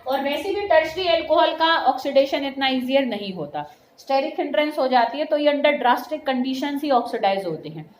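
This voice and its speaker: Teaching chemistry in a mix of Hindi and English terms, this woman speaks in a high, animated voice at normal speed. She keeps checking whether her students follow and calls them "beta." Echo and faint noise are audible in the room.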